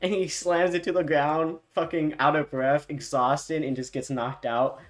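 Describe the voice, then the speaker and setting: A man's voice: a little high, little pitch movement, unhurried. Rambling, cussing guy telling a story. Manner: rambling, profane, loose fillers like "whatnot". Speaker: animator and storyteller. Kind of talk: casual story commentary.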